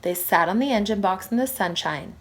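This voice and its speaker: In a brisk, medium-pitched voice, a woman reads a children's story aloud the way a primary teacher would, phrasing things expressively and emphatically for her young listeners.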